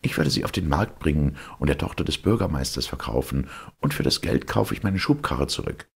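A man's voice: very deep voice, animated, a little fast, gravelly, husky, full character voice. A man voicing a humble, naive young gardener who talks in an eager, grateful way, in a storybook reading. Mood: cheerful.

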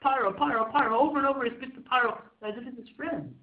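A man's voice: very high-pitched, expressive, quick pace. A man, a rabbi giving an earnest motivational Torah sermon, exhorting listeners with rhetorical questions and repeated phrases. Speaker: rabbi, religious teacher. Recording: echoey room, phone-like muffled audio.

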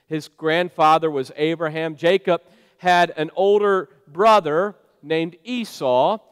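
A man's fairly high, clear voice with a resonant tone fills a church sanctuary, carrying long reverb. He is a pastor giving a conversational, story-driven sermon with frequent fillers.

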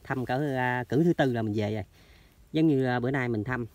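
A man's voice: mid-range voice, a little fast, darkish tone, dry recording. A man talks casually to viewers of his vlog while he walks and wades through rural orchards and canal banks. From southern Vietnam. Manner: chatty, addresses viewers constantly. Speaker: trapping vlogger. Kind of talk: casual outdoor vlog narration. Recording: noisy outdoor field recording.

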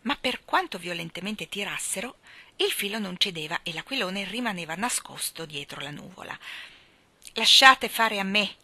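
A woman narrating a children's story as an expressive reader, dropping to a hush in quiet passages. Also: lowish voice, moderate pace, dry recording. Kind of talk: audiobook reading.

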